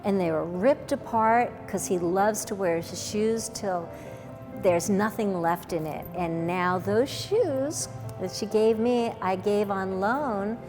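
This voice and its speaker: A woman's voice: mid-range voice, slow. An older woman, a former ballerina, telling stories on stage in a big hall, acting out quotes and dropping to whispers. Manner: lively, acts out quotes, drops to whispers. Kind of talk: stage storytelling show. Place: large arts hall, live audience. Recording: echoey hall with long reverb and faint music.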